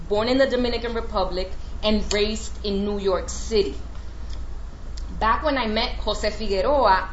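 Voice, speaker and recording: A woman scholar delivers a lecture, moving between prepared remarks with frequent hesitant pauses. The recording is roomy and somewhat dull, with a faint hum of ambience. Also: mid-range voice, fairly bright tone. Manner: halting, with frequent "um" pauses between read passages. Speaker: academic lecturer and researcher.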